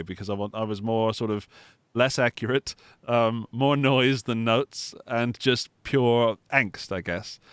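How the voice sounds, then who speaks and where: This Gloucestershire-accented Englishman hosts a live guitar podcast over video call through a studio microphone, keeping it chatty and jokey with plenty of restarts. He has a smooth mid-range voice and there's no room sound.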